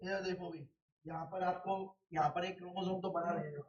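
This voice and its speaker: Guy teaching a biology class, higher voice, keeps quizzing the room and answering himself, sounds far off and a bit muffled. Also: fairly even intonation, fairly quick, background noise. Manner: asks the class questions and answers them himself; casual, uses everyday classroom examples. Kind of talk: classroom lecture. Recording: roomy, distant and dull-toned.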